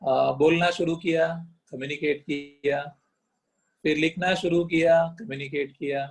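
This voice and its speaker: A middle-aged man lecturing, switching between languages, pausing often with fillers and checking in with "correct?". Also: fairly high pitch, steady tone, low-quality recording. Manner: mixes languages, slow with many pauses and fillers. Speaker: teacher.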